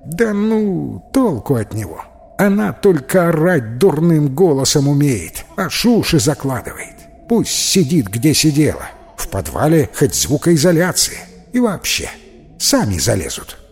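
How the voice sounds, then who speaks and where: A man's voice: fairly high pitch, sing-song, measured pace, a little mellow, husky, soft background music, voice pushed up, heavily acted. A man voicing an ironic, philosophical ghost who talks in a mocking, lecturing way.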